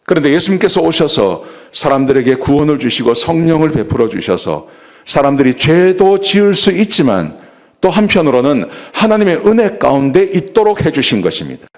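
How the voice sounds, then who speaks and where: A man's voice: fairly high pitch, sing-song, brisk. A man preaching a Sunday sermon as a pastor, retelling a scripture story and acting out the quoted speech. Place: church.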